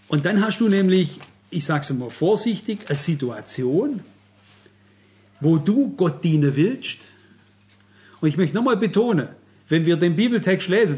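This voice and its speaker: A man's voice: sits high, a little mellow. A man preaching a sermon to his congregation, emphatic and earnest, firing off repeated rhetorical questions and turning to his listeners with frequent asides.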